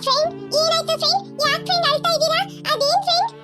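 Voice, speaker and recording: A woman voicing a tiny, gentle female sparrow in a cartoon, soothing and sympathetic. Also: very high voice, fairly even intonation, quick pace. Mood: concerned. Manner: soothing, sympathetic, calls everyone friend. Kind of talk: cartoon voice acting. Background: children's music.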